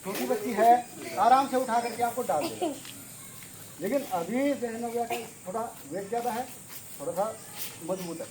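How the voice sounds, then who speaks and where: A man's voice: very high-pitched, normal speed. A man teaching self-defense outdoors, giving short commanding instructions and repeating them. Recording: noisy outdoor recording.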